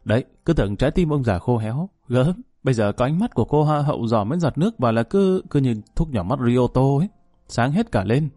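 Male narrator voicing an insistent, coaxing grown daughter in an audio story, mellow and close. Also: mid-range voice, lively intonation, brisk, no echo, natural voice.

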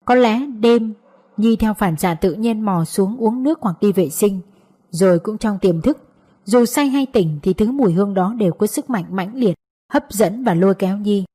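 A woman's voice: medium pitch, moderate pace, mellow, slightly rough. A woman narrating a scripted story as an audiobook reader.

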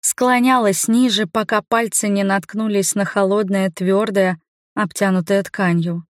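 A woman's voice: mid-range voice, fairly even intonation, unhurried, no room sound. A woman reading a first-person fantasy audiobook with tense, suspenseful storytelling. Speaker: audiobook reader. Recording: dry close studio sound.

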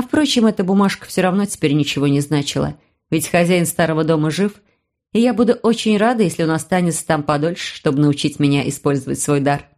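A woman narrating a first-person fantasy audiobook in a steady, even storytelling manner. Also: on the low side.

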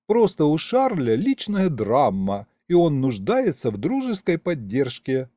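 A man's voice: fairly high pitch, huge pitch swings, unhurried, dark tone, no echo, studio quality. A man voicing a prim, romantic young female clerk with a prissy, bookish way of talking. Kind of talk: audiobook character voice.

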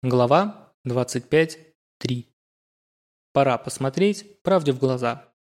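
Measured male audiobook narrator. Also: mid-range voice, lively intonation, darkish tone. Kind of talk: scripted narration.

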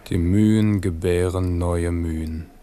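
A man's voice: deep voice, fairly even intonation, unhurried, mellow. An actor playing a weary, loving, philosophical king in a German radio drama, with solemn, lyrical delivery. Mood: weary, tender musing. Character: King Henri, weary, musing, loving monarch.

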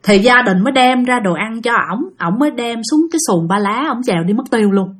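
A woman's voice: on the high side, animated, brisk. Chatty Southern Vietnamese woman storyteller. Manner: chatty, addresses listeners directly. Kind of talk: spooky storytelling narration.

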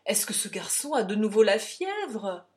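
A woman's voice: mid-range voice, very animated, measured pace. Brief: jovial older uncle, voiced by a woman, hearty and easygoing. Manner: hearty and good-humored. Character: jovial older male uncle, always laughing.

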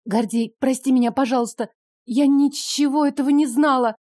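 Woman doing a shrill, desperate young heroine. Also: steady tone, normal speed, darkish tone, dry recording, clean studio sound. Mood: bewildered. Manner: high, pleading, shrill cries.

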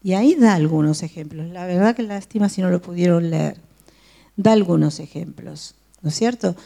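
Woman, Bible study teacher, mellow tone, questions the group often. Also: fairly low pitch, moderate pace, vocal fry. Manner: asks the listeners frequent questions.

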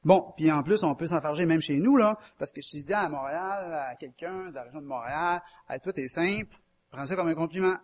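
A man's voice: a little high, a little fast, few pauses. A man with a Québécois French accent preaching a chatty, folksy sermon and quizzing his listeners. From Quebec. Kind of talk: conversational sermon.

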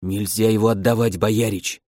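A man reading an audiobook, voicing a calm, seasoned bodyguard captain who speaks quietly and steadily. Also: a little high, normal speed, no room sound, clean studio sound.

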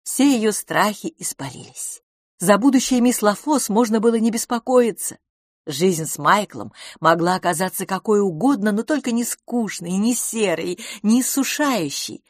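A woman narrating a humorous novel with an expressive, animated reading. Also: medium pitch, normal speed, dry recording, clean studio sound. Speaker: audiobook narrator.

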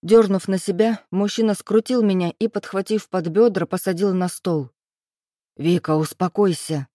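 A woman reading a first-person novel aloud as an audiobook narrator, in a steady, even delivery. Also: mid-range voice, moderate pace, no room sound, clean studio sound.

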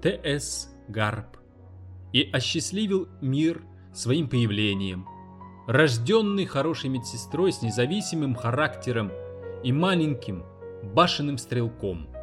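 Male narrator, audiobook, mid-pitched, measured reading, faint music behind. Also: sing-song, fairly bright tone. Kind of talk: scripted narration.

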